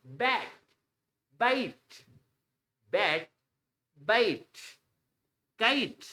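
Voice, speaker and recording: A man's voice: high-pitched, sharp tone. A man teaching English pronunciation, repeating each word several times in drills. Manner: repeats words slowly in drills. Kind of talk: pronunciation lesson.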